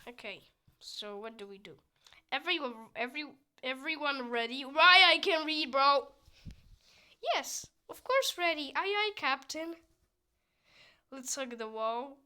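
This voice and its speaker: Measured in pace but animated, her high-pitched voice has a sharp edge. She's a young woman streaming gameplay, goofing around, reading game lines aloud and squealing at times.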